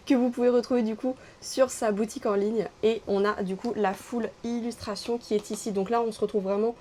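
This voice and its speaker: A woman's voice: on the high side, fairly even intonation, a little fast, few pauses, mellow, slight background noise. A young French woman chatting enthusiastically in a casual vlog about puzzles. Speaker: puzzle YouTuber.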